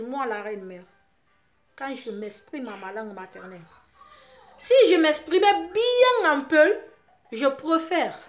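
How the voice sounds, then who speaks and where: A woman from Guinea, Susu her first language, speaks with a Guinean French accent in an impassioned vlog monologue to camera for her fans. Her high voice often rises into loud, forceful outbursts.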